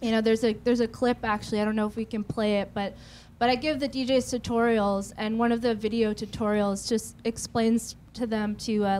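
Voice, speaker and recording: A woman's voice: medium pitch, a little mellow, slight background noise. A woman appearing as a talk-show guest, rambling nervously and restarting often while speaking into a handheld mic on a studio couch. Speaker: guest, founder of an internet radio station. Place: TV studio set, seated on a couch.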